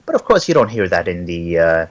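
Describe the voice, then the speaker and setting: A man's voice: sits low, very animated, brisk, highs cut off. A middle-aged man from Syria, a native Arabic speaker, answering interview questions and telling his story fluently with frequent "uh" fillers. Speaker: interview guest. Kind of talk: remote interview, conversational.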